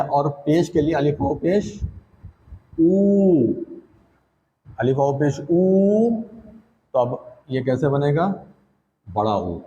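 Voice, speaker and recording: A man's voice: medium pitch, a little mellow, long reverb tail, low-quality recording. A man teaching Quran reading step by step, stretching out each syllable in drills and then explaining them in plain everyday speech. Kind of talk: step-by-step recitation lesson. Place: classroom or room with a board.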